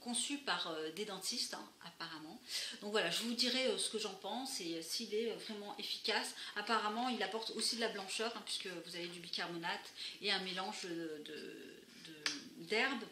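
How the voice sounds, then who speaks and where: Bright-voiced woman, hesitant vlog chat. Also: mid-range voice, normal speed, slight background noise. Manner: hesitant, many fillers, enthusiastic. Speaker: beauty vlogger. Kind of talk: casual product haul review. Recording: echoey room.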